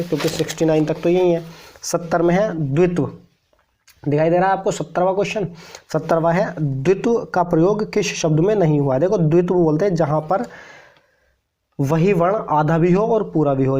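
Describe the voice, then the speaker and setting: A man's voice: fairly high pitch, mellow. A man teaching Hindi grammar for exam prep. He explains patiently, repeats each point, checks in often and drags vowel sounds out to demonstrate them. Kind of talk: classroom-style explanation.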